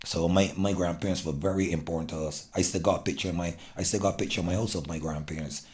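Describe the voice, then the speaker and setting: Deep-voiced Barbadian man, earnest and halting. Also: fairly even intonation, a little mellow. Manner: earnest, halting, many restarts. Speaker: guest. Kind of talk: casual interview.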